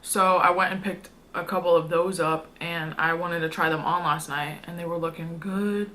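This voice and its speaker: A woman's voice: on the low side, steady tone, moderate pace, a bit bright. A young woman chatting casually to her viewers as a food vlogger, in an informal, slangy, rambling way. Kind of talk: casual mukbang chat to viewers.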